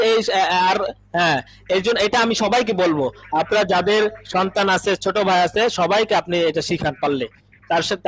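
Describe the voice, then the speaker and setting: A man's voice: sits high, a little hiss or hum, rough recording. A male Arabic teacher giving an online class lecture, patiently explaining with everyday examples, repeating phrases and often checking whether students understand.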